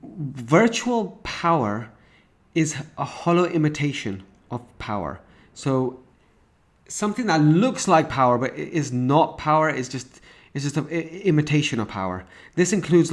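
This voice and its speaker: A man teaching a recorded parenting course, explaining each point step by step with frequent restarts. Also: a little high. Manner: walks through examples and stages step by step.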